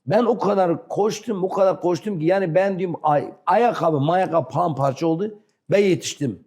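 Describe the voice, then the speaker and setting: A man with a southeastern Turkish accent tells personal stories in broken, non-fluent Turkish, halting and repeating himself. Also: high voice, darkish tone. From rural southeastern Turkey. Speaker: interview guest. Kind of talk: animated personal storytelling.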